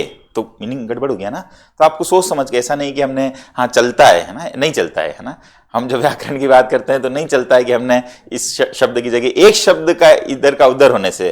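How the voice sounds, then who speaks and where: A man with a Rajasthani Hindi accent teaching an English grammar lesson to students. He explains step by step, mixes Hindi with English grammar terms, slows down to dictate example sentences and keeps checking with "clear?". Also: mid-range voice. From India.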